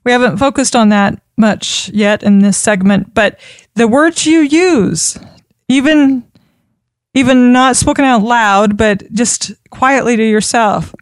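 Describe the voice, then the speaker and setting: A woman giving an instructional talk on communication, measured and repeating key points for emphasis. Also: a little high, clear, resonant tone, dry recording, studio quality. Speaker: communication trainer.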